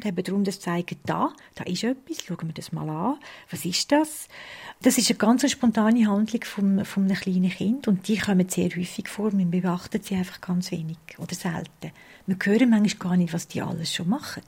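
A woman with a Swiss German accent speaks as a researcher in an interview, laying out her points patiently and step by step. Her voice is gravelly and husky, with a mellow, darker tone. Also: medium pitch, brisk. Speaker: early childhood music researcher. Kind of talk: explanatory interview answers.

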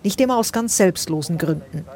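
Woman reporter, lowish voice, scripted radio narration, measured, dry. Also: animated, a little mellow.

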